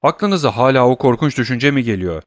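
A man's voice: medium pitch, lively intonation, brisk, dry recording, lightly acted. A man voicing a shaken middle-aged male prosecutor who exclaims in alarm.

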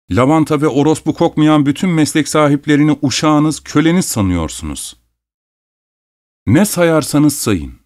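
A furious country doctor from a storybook, shouting and scornful, pitched a notch above the reader's own voice, as a man acts him out. His speech rises and falls with indignation.

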